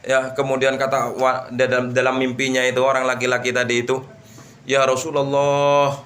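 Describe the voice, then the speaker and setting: A man teaching an Islamic book study, telling a moral story with lively rhetorical questions. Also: medium pitch, a little fast. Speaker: religious teacher.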